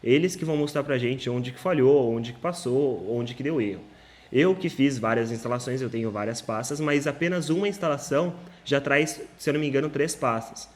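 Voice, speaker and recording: A man's voice: medium pitch, brisk. A man giving a casual screen-share tech tutorial, with many filler sounds and self-corrections. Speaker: instructor.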